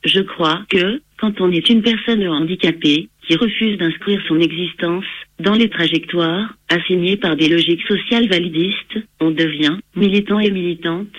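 Chipper high-pitched synthetic male text-to-speech voice. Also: fairly bright tone, dry recording, low-quality recording. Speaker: interviewed activist and researcher. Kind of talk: scripted interview answers.

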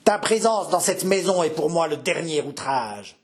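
A man's voice: on the high side, animated, normal speed, close to an everyday voice. A man voicing a ruined old captain, roaring threats in a fury. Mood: furious.

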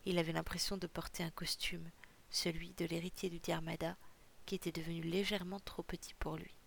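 Audiobook narrator, gravelly, steady and even, reads fiction aloud. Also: mid-range voice, slight background noise. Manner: measured, even storytelling. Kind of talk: audiobook reading.

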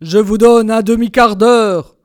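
A woman voicing a cruel, hard-hearted nobleman who shouts his threats slowly and loudly. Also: a little high, steady tone, dry recording, clean studio sound, close to an everyday voice. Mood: menacing shouting.

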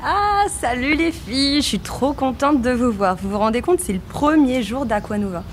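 A woman's voice: high voice, lively intonation, moderate pace, slight background noise. A woman playing a bubbly, proud startup founder, effusive and chatty, in an amateur audio drama. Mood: delighted.

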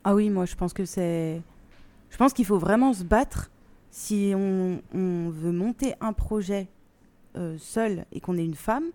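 Woman, medium pitch, casual radio guest, conversational. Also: a little slow, a little mellow. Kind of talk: casual discussion.

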